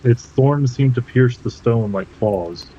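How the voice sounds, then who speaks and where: A man narrating a tabletop game as game master in a casual, halting, descriptive way. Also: medium pitch, dark tone, dull audio, a little hiss or hum.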